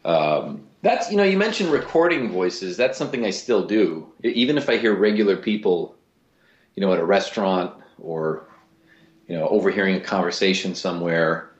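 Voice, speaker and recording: Man with a low voice, roomy lo-fi sound. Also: moderate pace. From Cleveland, USA. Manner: animated, with frequent restarts. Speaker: guest, voice actor. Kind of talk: casual interview talk. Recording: roomy lo-fi recording.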